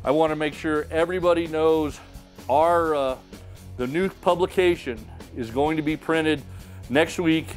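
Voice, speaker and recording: A man's voice: fairly high pitch, fairly even intonation, unhurried, soft background music. A middle-aged man hosting a membership sweepstakes drawing, talking in a folksy, upbeat way as he reads out winners and their towns in a wood-paneled room. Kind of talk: casual announcing to camera.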